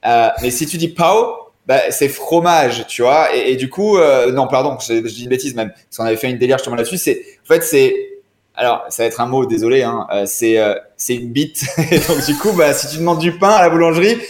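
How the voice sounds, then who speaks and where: Man, podcast guest, casual rambling chat, middle pitch, roomy echo. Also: brisk. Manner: rambling, chatty, many restarts. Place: apartment room. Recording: echoey room sound.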